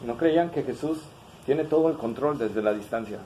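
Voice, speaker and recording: A man's voice: mid-range voice, moderate pace, mellow, slight background noise, low-quality recording. A pastor preaching a sermon, asking the congregation questions as he goes.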